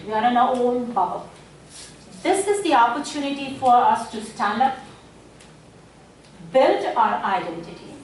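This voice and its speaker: A woman in her fifties, a community speaker and teacher, giving an earnest, exhorting talk to mothers and daughters at an event, often saying "you know". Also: on the high side. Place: event hall. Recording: echoey hall, mic far off, faint noise.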